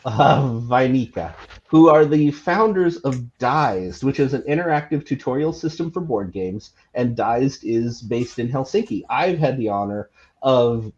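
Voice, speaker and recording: A man's voice: medium pitch, animated, measured pace, dull audio. A man co-hosting a casual chat show, introducing guests in an upbeat manner. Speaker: co-host.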